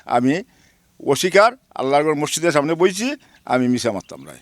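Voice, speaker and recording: A man's voice: on the high side, big pitch swings, moderate pace, no room sound, clean studio sound. A man giving an earnest spoken statement to the press, listing names one by one. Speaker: local villager giving a statement. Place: beside a village mosque.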